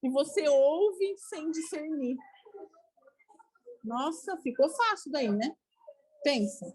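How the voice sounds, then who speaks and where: A woman leading a spiritist study group in a casual, animated talk, acting out little dialogues and often checking in with her listeners. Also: high-pitched, dry recording, poor audio. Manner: animated, acts out little dialogues, says "né, gente?" a lot.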